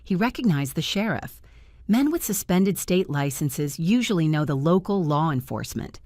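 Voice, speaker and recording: Low-voiced woman narrating a dramatic story. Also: expressive, moderate pace, a little mellow, dry recording, studio quality. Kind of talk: first-person scripted story narration.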